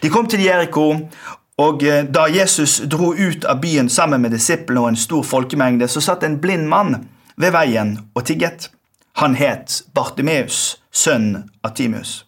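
A man with a Norwegian accent preaching a sermon as pastor, in a measured way that trails off softly at the ends of phrases. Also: on the high side.

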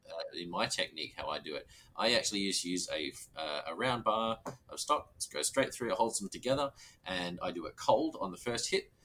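Deep-voiced man. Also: sharp tone. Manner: halting, repeats words. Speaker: blacksmith. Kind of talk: casual shop-talk chat.

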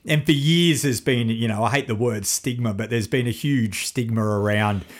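A man's voice: medium pitch, moderate pace. A man with an Australian accent chatting casually like a blokey tradesman, full of slang and swearing. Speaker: podcaster and construction worker, guest. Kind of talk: casual chat.

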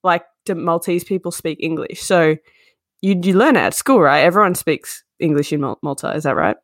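A young woman with an Australian accent hosts a casual interview podcast. Her pitch is a bit low and the sound is very dry, without room echo. She speaks informally and effusively. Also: expressive, normal speed. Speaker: podcast host.

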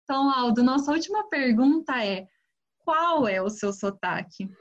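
A woman's voice: sits high, lively intonation, moderate pace. A woman podcast host interviewing a guest in a friendly, enthusiastic and polite way. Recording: dull lo-fi audio.

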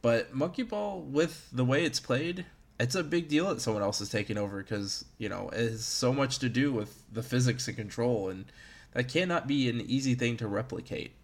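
A man in his early thirties hosts a podcast about video games, chatting casually in a rambling, self-deprecating way. His voice is medium-pitched at a moderate pace.

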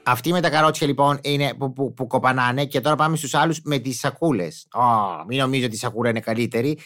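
A man's voice: medium pitch, a bit bright, faint music behind. A man delivering a casual comic monologue in a chatty, exclamatory way, with mock-indignant asides.

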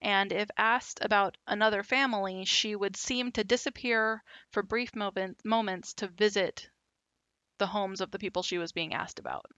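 A woman hosting a podcast, telling a story in a relaxed, casual way with lots of fillers. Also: medium pitch, moderate pace, dry recording. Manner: relaxed, with many fillers and asides.

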